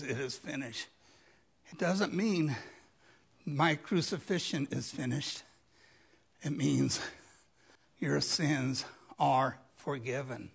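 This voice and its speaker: A man preaching a sermon as a pastor, slow and emphatic, with dramatic rises in his voice. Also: on the high side, gravelly, husky.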